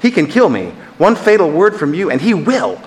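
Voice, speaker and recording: A man's voice: a little high, wildly swooping pitch, normal speed, pitched above the performer's own voice. A man doing a sly, wheedling lizard. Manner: coaxing, insistent patter. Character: wheedling, flattering lizard clinging to its master.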